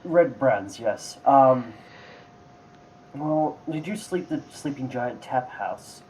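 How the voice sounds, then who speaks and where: A man's voice: medium pitch, expressive, slow, warm tone, slight background noise, poor audio. A man voicing a chatty male shopkeeper who rambles and hesitates with many ums.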